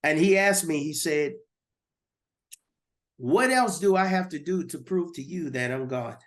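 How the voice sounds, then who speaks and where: A man's voice: fairly high pitch, lively intonation, measured pace. A man giving a personal testimony as a guest, earnest and repeating words as he goes.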